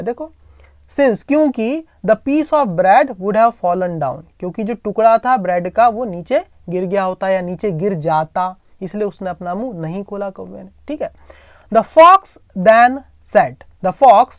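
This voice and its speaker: Woman, English teacher, patient and repetitive, higher voice, dry close sound. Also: no room sound. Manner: patient, repetitive explaining with frequent tag questions. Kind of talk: explaining English grammar in Hindi.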